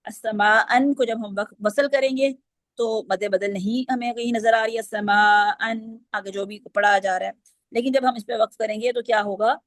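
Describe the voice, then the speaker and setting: A woman's voice: a little high, fairly even intonation, normal speed, dry recording. A woman teaching Quranic recitation rules, explaining step by step and quizzing her students. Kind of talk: online class lesson.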